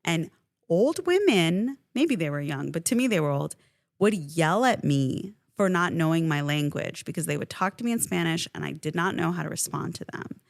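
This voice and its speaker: In a relaxed couple's chat on their podcast, this co-host from Iran, raised speaking Farsi, talks animatedly with her partner and laughs a lot. She speaks low with vocal fry at a moderate pace, and the studio sound is clean with no echo.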